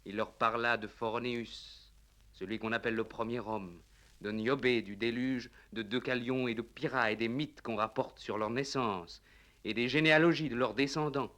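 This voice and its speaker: On old worn radio tape, a man acts a grave storyteller reciting an ancient legend. The delivery is measured and emphatic in a middle-pitched male voice, in the declamatory style of 1950s radio drama. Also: fairly even intonation, fairly bright tone, close to an everyday voice. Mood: solemn. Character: male narrator reciting Plato's solemn tale of old priest and Solon. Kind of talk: 1950s radio dramatic reading, scripted narration.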